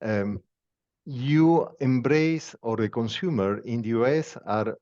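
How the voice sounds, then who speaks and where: Man, Argentine Spanish accent, podcast host, measured pausing speech, dull lo-fi call audio. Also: mid-range voice, dark tone. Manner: measured, non-native phrasing with pauses. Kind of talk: conversational interview.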